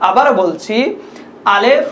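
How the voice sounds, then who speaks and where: A woman's voice: mid-range voice, lively intonation, slow pace, fairly bright tone. A woman teaching a language lesson to viewers, explaining sounds patiently and repeating examples step by step. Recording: echoey room with faint ambient noise.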